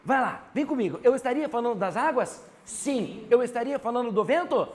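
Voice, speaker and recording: A man with a Brazilian Portuguese accent teaching a grammar class, animated and constantly prompting his students to answer. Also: extremely high pitch, a little fast.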